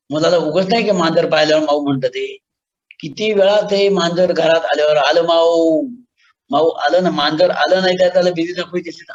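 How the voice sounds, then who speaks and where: A man's voice: sits high, a little mellow. A man with a Marathi accent giving an earnest lecture to teachers, explaining and acting out classroom scenes. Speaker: teacher trainer. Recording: echoey room, dull lo-fi sound.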